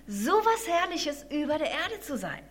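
A woman voicing a small, quick female mouse in a children's story, with a squeaky, eager way of talking. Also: big pitch swings. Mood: dreamy. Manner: squeaky and bright, enthusiastic.

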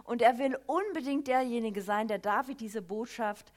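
A woman preaching a sermon, retelling a Bible story in a lively, emphatic way with many small fillers. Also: on the high side, moderate pace.

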